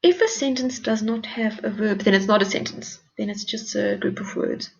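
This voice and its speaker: A woman's voice: mid-range voice, normal speed, vocal fry. A woman teacher giving a recorded grammar lesson, explaining patiently step by step and encouraging her students. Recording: dull lo-fi recording.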